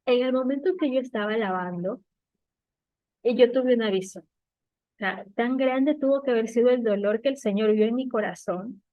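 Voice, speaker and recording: A woman sharing a personal faith testimony, emotional and halting, with soft laughs and tearful moments. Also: fairly high pitch, no echo. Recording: tinny phone-like sound.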